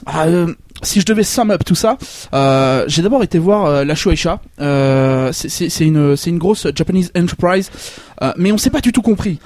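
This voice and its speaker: A man's voice: fairly high pitch, expressive, moderate pace, hardly any pauses, darkish tone, dry recording, clean studio sound, lightly acted. A man playing a boastful, greedy manga author with a Belgian accent, stammering through heavy franglais. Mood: bragging. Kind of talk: comic parody interview.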